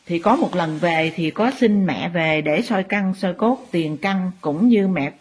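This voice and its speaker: A woman spiritual teacher, telling a story to her followers in a halting way with many fillers. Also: lowish voice, slightly rough.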